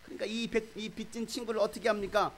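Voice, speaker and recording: A man's voice: sits high, flat delivery, fast talker. A middle-aged male pastor giving a sermon. He tells the story dramatically and quizzes his congregation.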